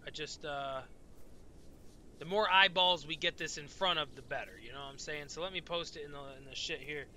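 Bright-voiced, foul-mouthed male game streamer. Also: fairly high pitch, brisk. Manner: profane, rambling, talks to chat. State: tired, yawning. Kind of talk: casual live-stream commentary.

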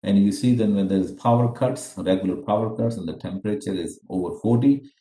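A man's voice: fairly low pitch, brisk, dark tone, reverberant. A middle-aged man from Pakistan giving an unscripted webinar lecture over a video call, with many fillers and restarts. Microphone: webcam video call.

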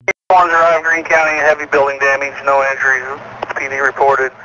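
A man's voice: mid-range voice, completely flat delivery, brisk, sharp tone. A man acting as fire chief at an incident, giving terse commands and reports over a two-way radio. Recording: dull scanner radio with faint vehicle noise.

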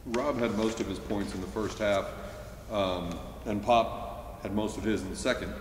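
A man's voice: on the low side, normal speed. A man asking a coach detailed, stat-based questions at a press conference. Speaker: sports reporter. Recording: echoey room with faint hiss.

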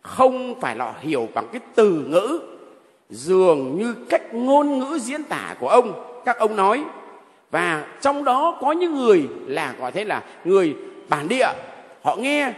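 Animated priest with a high, lively voice. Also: male voice, measured pace, in a large hall. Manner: animated storytelling, addressing the congregation directly. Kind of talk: sermon. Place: church.

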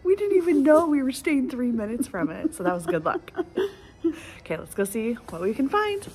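A woman's voice: high voice, very animated, moderate pace, a little mellow. A woman vlogger with her early-morning voice, chatting enthusiastically as she shops an outdoor flea market and now and then dropping to a whisper. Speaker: vlogger and host. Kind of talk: casual shop-along vlog. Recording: background music under the voice. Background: music.

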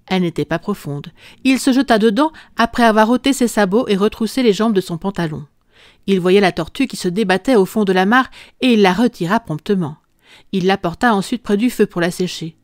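A woman narrating a classic children's book aloud in a calm, even storytelling manner. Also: mid-range voice, fairly quick, no room sound, studio quality. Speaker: audiobook narrator. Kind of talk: scripted narration.

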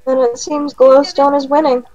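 A woman's voice: high-pitched, flat delivery, normal speed, a little mellow. A young woman chatting during a game, rambling with lots of fillers and little laughs. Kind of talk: casual gaming chat. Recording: dry, dull-sounding mic with faint music.

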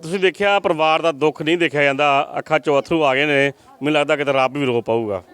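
A man's voice: fairly high pitch, fast talker, a bit bright, clean tone. A man reporting from a poor family's village home, making earnest appeals to viewers for help.

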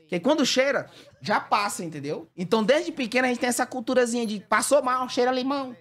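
A man from the Brazilian Northeast tells a funny story in a relaxed, chatty way. His Northeastern accent comes through clearly. He leans on slang and breaks into laughter at his own jokes. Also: very high-pitched, fast. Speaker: comedian guest telling a story. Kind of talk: casual comic storytelling.

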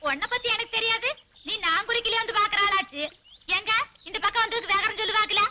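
A sassy young village woman with a high voice. She answers everyone with quick, mocking comebacks and teasing jabs. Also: fairly even intonation, background noise.

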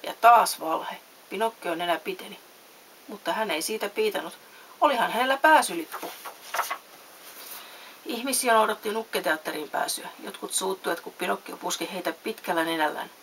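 Woman narrator, children's storybook read-aloud, middle pitch, faint tape hiss. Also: expressive, poor audio. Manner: reads voices with raised pitch and loudness.

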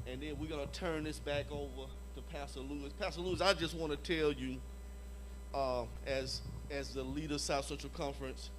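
A conference evangelism leader preaches to a live audience in a church hall, his medium-pitched voice set against a noisy background. He is emphatic and repeats phrases, often calling out "Amen?" to get a response from the crowd.

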